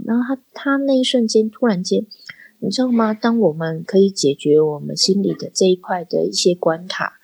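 A low-voiced woman host chatting casually and thoughtfully, often pausing to hunt for the right word. Her voice is gravelly and husky. The sound is dry and close, with no room echo. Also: darkish tone. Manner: reflective, searching for words. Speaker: podcast host. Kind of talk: casual talk. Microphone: phone-app voice recording.

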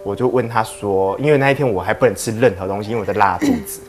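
A young man from southern Taiwan, a guest telling a lively story in a casual chat with a lot of laughing. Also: on the low side, very fast. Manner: animated storytelling, laughing often.

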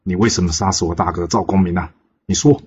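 A man voicing a fierce immortal woman who angrily demands revenge, in a low, husky voice. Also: quick pace, a little mellow, muffled recording. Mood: demanding. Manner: angry, demanding.

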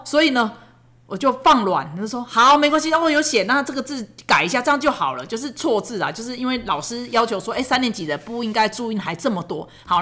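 A mother who hosts a podcast and chats casually about parenting, acting out what people said. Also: on the high side. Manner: lively, chatty, acts out quotes. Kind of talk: casual storytelling chat.

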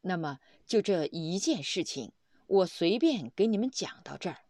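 A woman reading a Buddhist story aloud, animated and full of exclamations. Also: lowish voice, normal speed, dry recording, clean studio sound. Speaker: reader of a Buddhist text.

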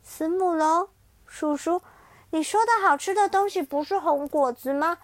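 A woman's voice: very high-pitched, measured pace, dry recording, voice pushed up. A woman voicing a frightened young dinosaur child who protests insistently in a storybook tale. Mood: protesting. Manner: protesting shrilly.

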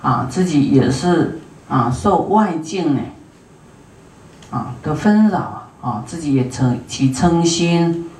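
Her voice low and darkish yet lively in intonation, a woman teaching Buddhism gives a slow-paced dharma talk full of long "ah" fillers. She poses questions and asks for raised hands, her voice distant and echoing in a roomy hall.

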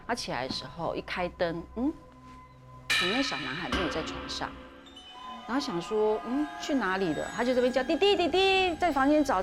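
A woman, hosting a podcast and dramatically telling a ghost story, with frequent fillers and restarts. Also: mid-range voice. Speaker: podcast host. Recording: podcast with music underneath.

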